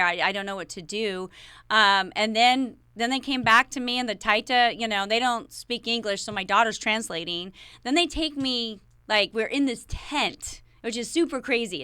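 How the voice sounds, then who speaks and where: A woman's voice: on the high side, bright, forceful tone, clear, resonant tone, no echo, studio quality. A middle-aged woman, a podcast guest, telling a personal story in a rambling way, often repeating and restarting her words.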